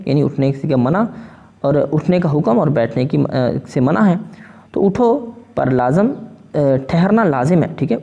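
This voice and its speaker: A man's voice: gravelly, mellow, muffled recording. A man teaching a lesson on Quran recitation marks, often checking in with a rising "okay?". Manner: repeats "ٹھیک ہے جی؟" with rising pitch. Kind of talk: explanatory lesson.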